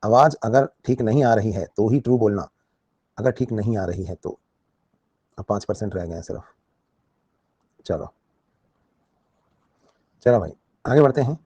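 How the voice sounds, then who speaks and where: A man's voice: fairly low pitch, normal speed, pauses often, warm tone, slightly rough, no room sound, lo-fi sound. A man teaching a live online biology class, explaining with everyday examples and checking in with his students often.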